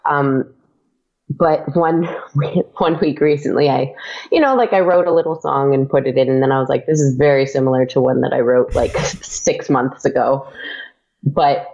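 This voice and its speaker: In a muffled recording, a woman with an extremely low, slightly mellow voice speaks at a moderate pace. She's a podcast guest in a casual interview chat about producing her audio drama, hesitating often with many fillers and restarts.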